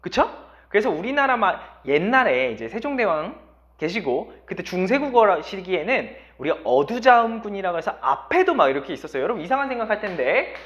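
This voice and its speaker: A man's voice: high voice, brisk, dull audio. A man teaching a language lesson who keeps quizzing his students as he explains. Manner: lively, constantly quizzing students. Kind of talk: classroom lecture.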